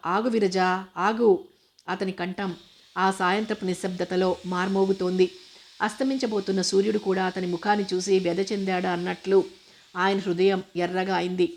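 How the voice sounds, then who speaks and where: A woman narrating a novel aloud in a steady, unhurried reading. Her voice sits at a middle pitch and barely rises or falls, keeping a flat, even line. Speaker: audiobook narrator.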